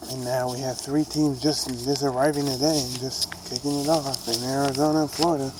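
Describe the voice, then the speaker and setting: This young guy's baseball vlog, shot outside near buildings on a low-held phone camera, is loose and rambling, full of fillers and false starts. He talks fairly quickly in a level, medium-pitched, stuffy nasal voice over lots of noise.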